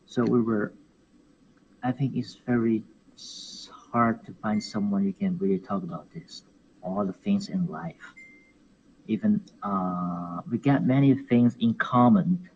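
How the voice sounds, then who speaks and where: A Hong Kong man, a pro wrestler guest, speaks on the low side and takes his time in a casual interview chat. Animated and laughing frequently, he repeats words while working out his phrasing. The audio is poor with a little background noise.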